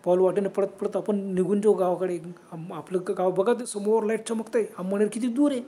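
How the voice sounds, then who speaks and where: A man's voice: sits high, fairly even intonation, brisk, mellow, natural voice. A man doing a panicky young farmhand. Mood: panicked, urging. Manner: urgent, pleading.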